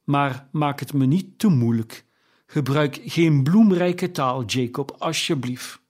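A man's voice: a little high, slow pace, a little mellow. A man reading aloud and voicing an old miser who speaks in a curt, businesslike way with some hesitation. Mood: uneasy.

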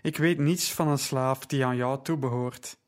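A man reading the part of a poised wealthy woman who speaks calmly and firmly. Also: mid-range voice, measured pace, close to an everyday voice. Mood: cool, firm.

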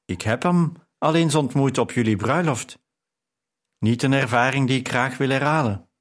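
A male audiobook reader voicing a remorseful father, a moody writer, speaking in a slow, gentle, regretful way. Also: mid-range voice, natural voice. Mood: urgent. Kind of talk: audiobook character reading.

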